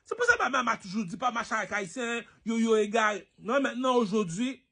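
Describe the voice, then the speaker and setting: Man from Haiti, high-pitched, rambling preachy monologue, keeps asking the listener questions. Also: big pitch swings, a little fast, sharp tone, husky. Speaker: online personality.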